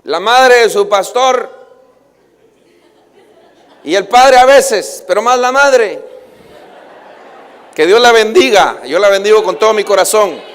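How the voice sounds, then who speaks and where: A male pastor, preaching a sermon that swings between loud calls and soft asides. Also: high voice. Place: church hall. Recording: livestream with long hall reverb.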